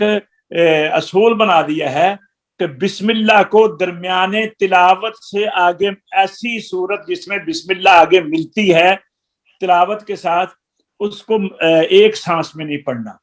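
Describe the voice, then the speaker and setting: A man's voice: sits high, slow pace. A man teaching the rules of Quran recitation, patiently explaining them step by step and demonstrating chanted recitation. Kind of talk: religious recitation lesson.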